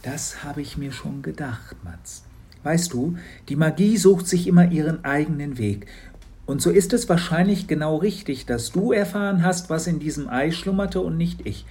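A man voicing a kindly, dreamy older woman shopkeeper in a children's audiobook, speaking gently with a lifted voice. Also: on the high side, moderate pace, pitched above the performer's own voice, close to an everyday voice. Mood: gentle. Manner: gentle, musing.

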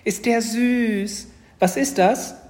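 A man voicing an excited, bossy little girl who talks high, loud and pushy. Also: normal speed.

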